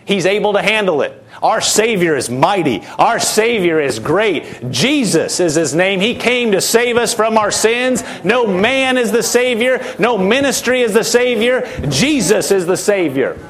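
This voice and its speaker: A man's voice: sits high, lively intonation, measured pace, hardly any pauses, a bit bright. A man preaching a sermon, fervent and repetitive, with frequent hallelujahs.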